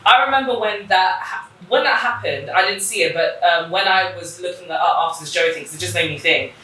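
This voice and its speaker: A woman guest in a casual chat, lively and expressive, with quick reactions. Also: lowish voice. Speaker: podcast guest. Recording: echoey room, from far off.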